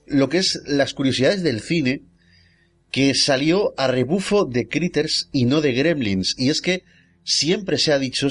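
A man with a Spain accent hosting a casual, confiding film discussion. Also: mid-range voice. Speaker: film show host.

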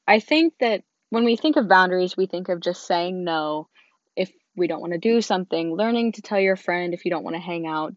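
Young female host, hoarse and low, earnest casual chatter, muffled dry recording. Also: no room sound. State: hoarse, lost voice. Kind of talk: casual talk to camera. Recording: dull lo-fi, dry.

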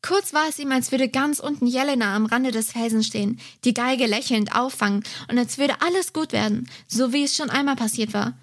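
Reading aloud from a detective novel, a woman delivers the excerpt in a calm, measured manner, her voice a touch high.

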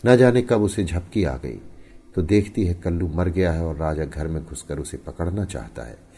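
A man narrating a story in an expressive audiobook style, with emphatic rises and hushed falls. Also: sits low, moderate pace.

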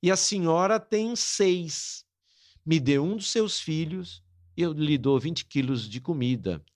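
A man quoting a rich, childless traveling salesman who calmly bargains in a story he retells. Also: a little high, takes it slowly, voice pushed up. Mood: bargaining.

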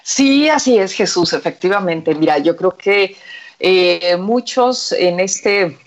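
A woman's voice: on the low side, expressive, takes it slowly, lo-fi sound. A woman, chatting and telling a story as a show co-host, with many fillers. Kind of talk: conversational storytelling.

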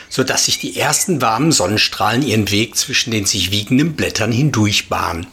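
Casting: man narrating comic prose, wry and wordy, rough-edged voice with a bright tone. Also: mid-range voice. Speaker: podcast narrator.

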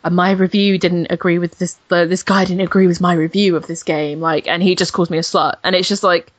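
A young woman in her twenties, a games journalist chatting as a podcast guest, blunt and animated, swearing freely. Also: fairly low pitch, a little fast, no room sound. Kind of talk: casual podcast chat.

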